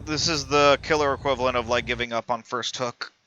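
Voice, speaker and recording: A man's voice: mid-range voice, fairly even intonation, a little fast, pushed and bright, muffled recording, slight background noise. A man casually complaining about a video game as he plays. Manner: grumbling, complaining. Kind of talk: casual gameplay chat.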